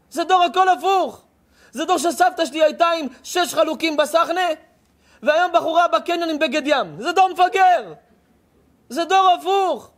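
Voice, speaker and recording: A man's voice: very high voice, a bit bright. A man, a rabbi, giving a sermon with emphatic, punchy repetition.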